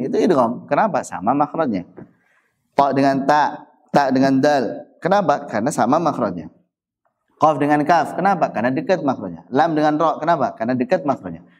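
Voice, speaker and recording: A man teaching Quran recitation rules, asking himself questions and answering them, and stretching out the Arabic examples slowly. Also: medium pitch, animated, a little mellow, slightly rough. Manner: asks and answers his own questions. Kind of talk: tajwid lesson.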